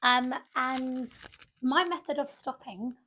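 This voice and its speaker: A woman's voice: high-pitched, takes it slowly, pushed and bright. A young woman, co-hosting a podcast and telling a story with lots of acted-out quotes. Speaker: podcast co-host. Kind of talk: casual chat.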